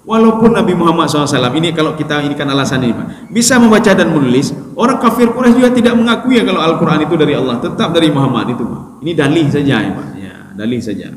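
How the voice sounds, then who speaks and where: A male preacher giving a conversational sermon, often addressing listeners directly and acting out dialogue with sharp jumps in pitch. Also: animated, very fast, few pauses. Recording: echoey hall with faint ambience.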